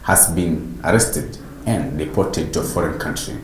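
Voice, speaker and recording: A man putting on a deep formal news anchor. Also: moderate pace, echoey room, a little hiss or hum, poor audio. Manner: formal newsreader delivery. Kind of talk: parody breaking news announcement.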